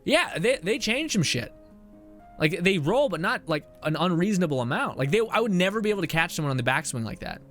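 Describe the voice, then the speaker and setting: Lively, laughing young man streaming a game. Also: high-pitched, fairly quick, faint music behind. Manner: laughs often, rambling, reads chat aloud. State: out of breath at times. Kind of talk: casual live-stream commentary.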